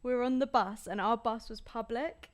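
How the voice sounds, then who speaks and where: A woman's voice: fairly high pitch, moderate pace. A young woman from Britain, a podcast co-host swapping school stories in casual chat, swearing and laughing often. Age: young adult. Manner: swearing, laughing, animated storyteller.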